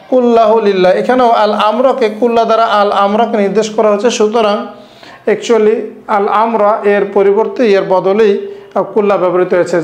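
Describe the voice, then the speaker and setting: A man teaching Arabic grammar in a recorded class, explaining step by step, reading example sentences slowly and checking understanding with short tag questions. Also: sits high, a little mellow, reverberant.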